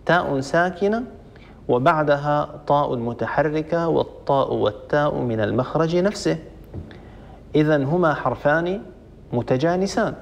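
Gravelly man teaching tajweed. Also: on the high side, animated, a little hiss or hum. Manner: slow repetition of examples, many restarts. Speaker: Quran recitation teacher. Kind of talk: explaining tajweed rules. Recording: dull lo-fi recording.

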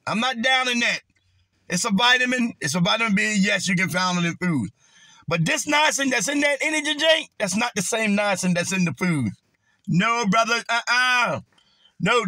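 High-pitched preachy man ranting. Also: pushed and bright, dry recording. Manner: preachy, scolding, quotes scripture. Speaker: online commentator. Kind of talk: confrontational video rant.

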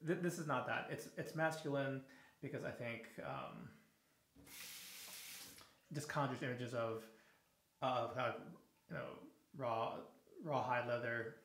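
Man, 30s, easygoing shave-video host, tired and rambling, middle pitch, bouncy bathroom echo. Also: takes it slowly, pauses often, slight background noise. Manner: relaxed, rambling, frequent fillers and restarts. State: a little tired in the evening. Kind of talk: casual product review while shaving. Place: small home bathroom. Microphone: camera on the counter at close range. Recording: echoey bathroom.

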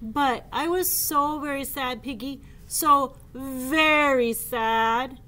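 Woman reading as a mournful big elephant, storybook voice, loud wailing, high and slow. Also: exaggerated voice. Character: sad gloomy male elephant, big and slow. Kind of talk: storybook read-aloud.

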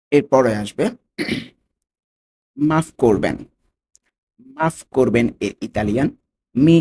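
A man with a Bangladeshi Bengali accent teaches a language lesson phrase by phrase, repeating each phrase slowly and often asking whether the listener has it. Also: mid-range voice, a little mellow, husky.

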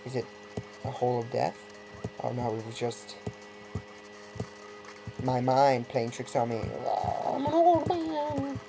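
A man's voice: medium pitch, little pitch movement, takes it slowly, gravelly, long pauses, background noise. A man giving casual, rambling gameplay commentary, breaking off mid-thought with wry asides. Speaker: let's play gamer. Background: faint game music.

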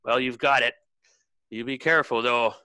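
A man's voice: mid-range voice, fairly even intonation, normal speed, pushed and bright, clear, resonant tone, no echo, studio quality, natural voice. A man doing a drunk gossiping lookout. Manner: slurred, gossipy sailor talk. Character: drunk rambling male ship lookout.

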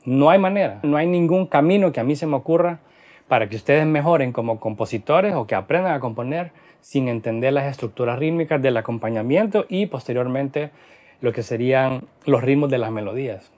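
A man's voice: medium pitch, fairly quick, darkish tone. A man teaching a guitar lesson in Spanish, explaining rhythm patterns and counting beats aloud as he plays. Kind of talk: instructional lesson. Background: guitar playing.

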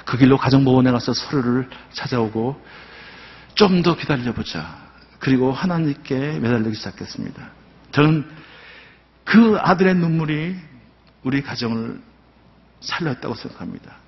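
A man's voice: medium pitch, expressive, moderate pace. An older man shares his personal testimony in earnest, heartfelt storytelling. His voice rings out with a long hall reverb. The sound is dull and muffled. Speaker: church elder giving testimony. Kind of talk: personal testimony at a dawn prayer service. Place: church sanctuary.

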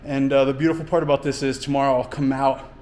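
Casual male fitness coach vlogging, winded, middle pitch. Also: flat delivery, fast talker, a little mellow. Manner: explains training plainly between efforts, with fillers. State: out of breath. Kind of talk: casual workout vlog talk. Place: home gym and outdoors in winter.

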